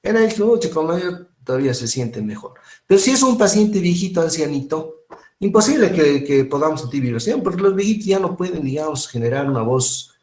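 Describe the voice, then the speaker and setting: Lively male medical lecturer. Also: a little high, a little fast, echoey room. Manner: lively, rhetorical, quips and mimics voices. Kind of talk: informal recorded lecture.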